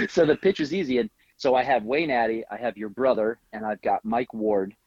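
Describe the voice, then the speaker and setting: Brief: husky middle-aged male guest, animated storyteller, dry and slightly dull audio. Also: mid-range voice, moderate pace, no echo. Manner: animated storyteller, laughs often, acts out quotes. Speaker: guest, tattoo artist. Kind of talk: casual interview storytelling.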